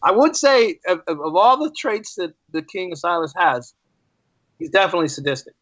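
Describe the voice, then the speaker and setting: A high-pitched man at a moderate pace explains his views as a writer and guest in a casual interview. He gets animated, repeats phrases for emphasis, and acts out quotes he imagines. There's no room sound, and the highs are cut off.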